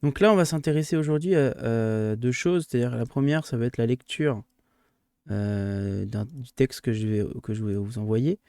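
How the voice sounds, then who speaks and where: Hesitant French male schoolteacher, mellow. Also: mid-range voice, moderate pace, no echo, studio quality. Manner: hesitant, many fillers and restarts, livelier when explaining rules. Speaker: primary school teacher. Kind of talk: recorded remote lesson for pupils.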